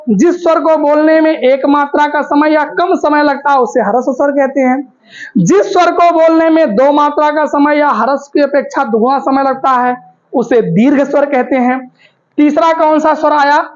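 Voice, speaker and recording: A woman teaching grammar, asking the class questions and answering them herself, repeating the key terms. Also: sits high. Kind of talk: Hindi grammar lesson. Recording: dull lo-fi recording.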